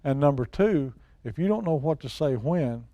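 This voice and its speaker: A man's voice: a little high, lively intonation, moderate pace, mellow, no room sound. A middle-aged or older man, talking casually and telling hunting stories in a folksy, plain-spoken way. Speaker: guest expert and outdoors show personality. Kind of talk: casual hunting talk and storytelling.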